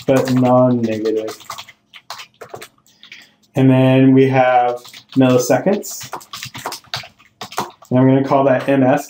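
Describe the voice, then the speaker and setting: A man with a dark, mid-range voice hosts a screen-recorded coding lesson, reasoning aloud and correcting himself step by step as keys clack and the mouse clicks. The rough recording is echoey with a little hiss or hum.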